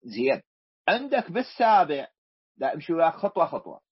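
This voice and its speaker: Iraqi guy teaching grammar class, kinda high husky voice, keeps repeating stuff and asking questions, dull lo-fi sound. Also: sing-song, brisk, dry recording. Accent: Iraqi Arabic. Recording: dull lo-fi recording.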